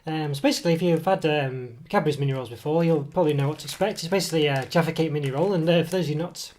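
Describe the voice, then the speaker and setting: Seated at an indoor table with a camera mic on it, a man reviews a snack casually while fighting a cold that makes his voice come and go. He's a food reviewer whose talk is rambling and hesitant, packed with fillers and self-corrections, delivered rapid-fire in a fairly high, slightly mellow voice.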